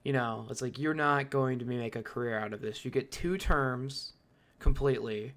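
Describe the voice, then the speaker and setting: A man with a mid-range voice talks as a podcast co-host. He rants with animated opinions, swears often and speaks in a loose, casual way. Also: medium pitch, normal speed. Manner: animated, ranting, swears freely. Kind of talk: casual chat.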